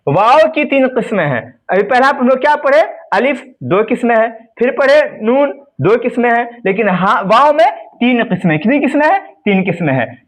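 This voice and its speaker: A man teaching a grammar lesson, asking questions and then answering them himself, stretching out example words slowly, with a Bihari Hindi accent. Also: extremely high pitch.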